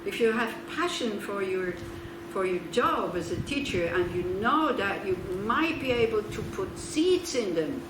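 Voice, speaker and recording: This woman from Switzerland, a Buddhist nun, teaches informally in an animated, mid-range voice, unhurried and with few pauses. The recording is roomy with a distant mic and background noise, and she talks chattily, laughing and posing rhetorical questions.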